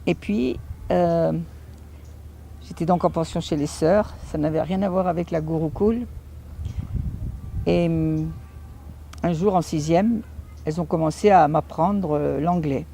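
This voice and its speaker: Gravelly-voiced woman telling her story. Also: low voice, unhurried, long pauses, slight background noise. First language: Italian and French. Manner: lively anecdotal telling, acts out quoted lines. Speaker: speaker recounting her life. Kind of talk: personal storytelling talk.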